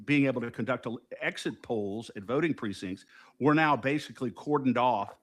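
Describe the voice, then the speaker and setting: A man co-hosting a political talk show speaks loudly at a moderate pace in a medium-pitched voice. In this casual political discussion he is emphatic and indignant, frequently restarting his sentences.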